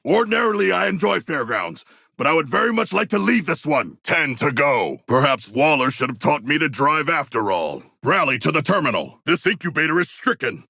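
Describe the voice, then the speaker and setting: King Shark, gravelly and grandiloquent. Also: fairly high pitch, very animated, moderate pace, pushed and bright, no echo, clean studio sound, full character voice. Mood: urgent, grand. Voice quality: gravelly, rough. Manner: formal, grandiloquent, literal-minded diction. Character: huge humanoid shark warrior, noble, proud, battle-hungry, earnest. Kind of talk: video game character voice lines.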